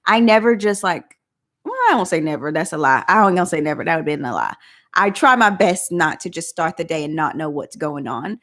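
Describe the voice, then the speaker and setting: A woman's voice: low voice, expressive, a little fast, a bit bright. Chatty woman with a country drawl. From Southeast Oklahoma. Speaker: vlog host. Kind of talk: casual live chat.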